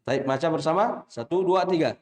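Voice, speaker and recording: A man with an Indonesian accent teaching Quran recitation, drilling letter names slowly and quizzing his students with short questions. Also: on the high side, expressive, a little mellow, echoey room. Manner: chants drawn-out letter names when demonstrating. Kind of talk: classroom lesson with call-and-response recitation.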